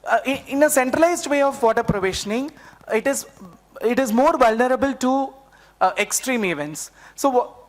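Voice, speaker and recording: A woman's voice: high-pitched, animated, moderate pace, big-room sound. Indian woman with a sore, swollen-throat voice. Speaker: PhD researcher presenting a paper. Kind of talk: conference presentation.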